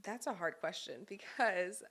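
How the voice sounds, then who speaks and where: A woman's voice: on the low side, expressive, unhurried, a bit bright. A young pregnant woman, a singer, answering interview questions openly and thoughtfully, a little out of breath. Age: young adult. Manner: open, thoughtful, light laughs, many ums. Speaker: guest, singer. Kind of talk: interview conversation.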